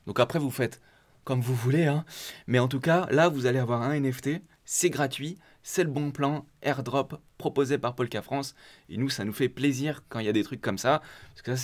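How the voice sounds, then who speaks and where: Male host, mid-pitched voice, relaxed and chatty, guides viewers click by click through a tutorial. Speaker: host of a crypto community channel. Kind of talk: casual screen-share tutorial.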